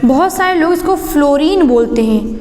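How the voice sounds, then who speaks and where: A woman's voice: high voice, moderate pace, darkish tone, faint music behind. A woman teaching a basic science lesson, explaining step by step and answering her own questions as she goes. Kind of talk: classroom lesson. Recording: echoey room reverb.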